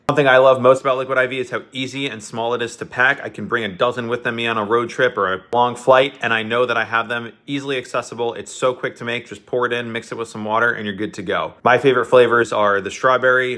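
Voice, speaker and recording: Upbeat man reading an ad. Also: bright, forceful tone. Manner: upbeat, enthusiastic sponsor pitch. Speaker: podcast host. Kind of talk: ad read.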